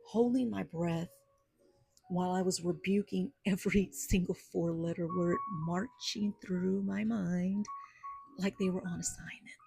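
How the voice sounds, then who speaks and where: A woman hosting a podcast, telling a personal story in an animated, sassy way with churchy asides. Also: fairly low pitch, unhurried, vocal fry, poor audio. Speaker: podcast host. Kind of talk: storytelling monologue. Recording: soft jazz music behind.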